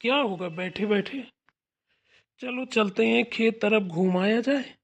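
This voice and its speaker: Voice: medium pitch, gravelly, highs cut off. A voice artist playing a teasing old father-in-law in a cartoon. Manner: slow, teasing. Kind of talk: cartoon voice acting.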